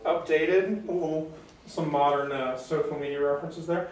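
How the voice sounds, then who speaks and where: A man's voice: on the high side, fairly even intonation, normal speed. Male teacher, encouraging, fillers, far mic in a reverberant classroom. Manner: upbeat, encouraging, many fillers. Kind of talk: classroom talk.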